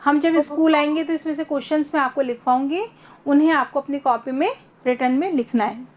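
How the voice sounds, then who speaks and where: High-voiced woman teacher explaining patiently. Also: a little fast, a little mellow. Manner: patient, explains step by step, asks students questions. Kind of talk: online class lesson.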